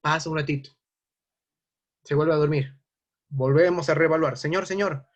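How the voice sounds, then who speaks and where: A man's voice: a little high, level tone, normal speed, highs cut off. A man teaching a first-aid class, explaining with worked examples and asking the class questions. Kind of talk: classroom lecture.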